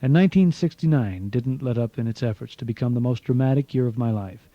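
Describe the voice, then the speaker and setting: A man's voice: mid-range voice, quick pace, dry recording, muffled recording. A man reading his own memoir as an audiobook, telling it earnestly with dry asides, heard from a cassette tape recording. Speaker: author narrating his memoir.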